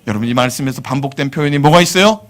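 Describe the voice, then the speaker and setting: A male pastor giving a sermon in a church, animated and quizzing the congregation. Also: mid-range voice, rapid-fire. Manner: animated, asks the congregation questions, drops to whispers.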